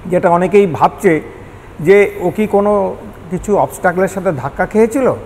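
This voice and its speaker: Speaking at a moderate pace, this older Kolkata Bengali man has a high but somewhat dark voice. As a former air traffic control manager appearing as an expert interview guest, he explains things methodically and mixes in English technical vocabulary. His news interview answers echo around a hall with noise in the background.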